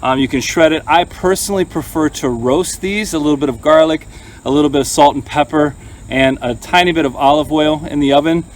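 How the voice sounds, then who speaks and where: A man with a voice on the high side talks fairly quickly while hosting a gardening vlog. Chatty and plain-spoken, he explains each step as he demonstrates and then tastes his harvest.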